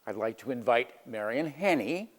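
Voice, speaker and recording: A man's voice: medium pitch, expressive, moderate pace, in a large hall. A man co-hosting a cooking show as the comic, joking in mock-formal announcer patter while tasting food. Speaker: comic co-host. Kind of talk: playful cooking-show banter.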